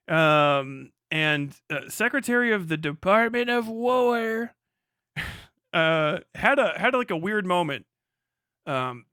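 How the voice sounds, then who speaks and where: An American live streamer and political commentator rambles through casual, off-the-cuff commentary in a sardonic, profane manner. His voice is on the high side, pushed and bright, with a clear, resonant tone. The studio recording is clean, with no room sound.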